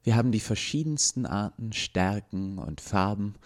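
A man's voice: lowish voice, lively intonation, normal speed. A man voicing a brusque, sarcastic woman professor who speaks in a clipped, commanding way.

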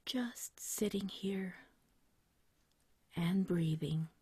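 A woman guiding a meditation like a sleep story narrator, in a soft, whispery, breathy voice with a gentle, soothing, unhurried manner. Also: mid-range voice, no room sound. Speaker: meditation guide.

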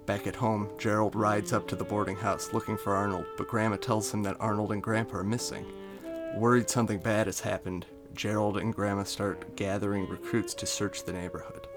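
A man with a fairly low voice reads out a story pitch in a steady narrating manner. Music plays clearly behind his voice. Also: brisk. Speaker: podcast co-host pitching a fan episode. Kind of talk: reading a written episode pitch, then casual chat.

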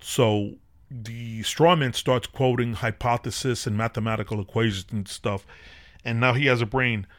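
A man's voice: medium pitch, steady tone, moderate pace. A man hosting a podcast, casually retelling a film and drawing spiritual lessons from it, in a loose, rambling way with many fillers and restarts. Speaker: podcast host.

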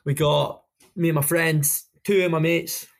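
A young adult man with a Scottish Highland accent, chatting casually about sport in a colloquial, matey storytelling way as a podcast co-host. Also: steady tone, measured pace, gravelly. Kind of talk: casual football chat.

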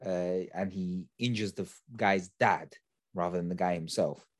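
A man's voice: deep voice, fairly even intonation, normal speed, no echo, clean studio sound. A young man, hosting a podcast in casual, slangy chat. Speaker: podcast host.

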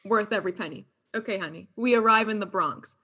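A woman co-hosting a chat show, telling her side of a trip story in an animated way and laughing often. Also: mid-range voice, fast, breathy edge.

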